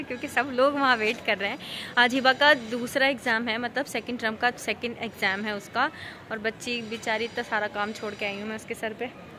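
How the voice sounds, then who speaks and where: A woman's voice: on the high side, sharp tone, slight background noise. A woman chatting casually to her viewers in a vlog, talking straight to them with plenty of fillers. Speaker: vlogger. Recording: music playing underneath.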